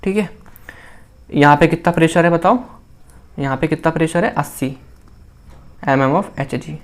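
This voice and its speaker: A man with an Indian accent teaches in a relaxed lecture style, with a voice that sits a little high for a man. He repeats key phrases and keeps asking the listener questions as he explains. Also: moderate pace. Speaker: physiology teacher. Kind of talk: casual classroom lecture.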